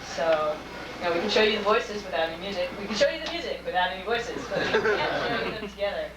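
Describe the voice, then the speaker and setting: A woman's voice: mid-range voice, animated, quick pace. Casual woman panelist on hissy old VHS camcorder tape, distant in an echoey hall. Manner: chatty, informal, addresses the crowd directly. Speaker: fan video creator presenting at a convention panel. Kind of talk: casual panel talk to an audience. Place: convention screening room with audience. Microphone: camcorder mic from across the room.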